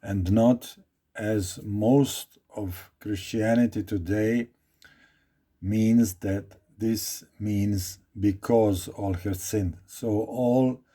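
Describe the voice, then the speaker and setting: Low, mellow, and a little husky, a Croatian-accented Bible teacher's voice keeps a steady tone. He moves slowly and deliberately through an informal study talk, repeating phrases as he reads aloud.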